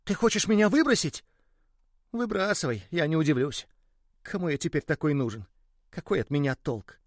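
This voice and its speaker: A man voicing a small burst rubber ball that pleads in a high, tearful way. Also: animated, moderate pace, no echo, clean studio sound. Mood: sad.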